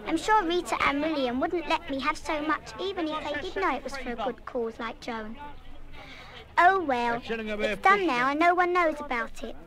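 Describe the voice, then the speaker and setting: A woman's voice: sits high, animated, moderate pace. An actress playing an impulsive, good-hearted schoolgirl of about eleven in a children's radio play, with an eager, emphatic delivery. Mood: excited, musing. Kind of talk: 1970s full-cast children's radio play acting.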